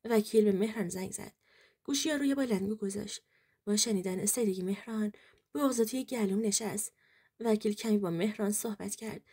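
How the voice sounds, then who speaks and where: A woman reads a first-person true story aloud. Her voice is mellow and dark, with a husky edge, and her telling is earnest and emotional. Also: medium pitch.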